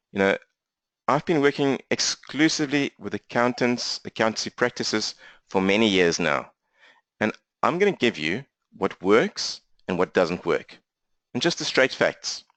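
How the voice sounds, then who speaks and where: A man with a strong South African accent, speaking fast and energetically as he leads a live online training session from his laptop. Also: mid-range voice, dry recording. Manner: fast-talking, energetic, interactive. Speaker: business coach for accountants. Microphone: laptop mic.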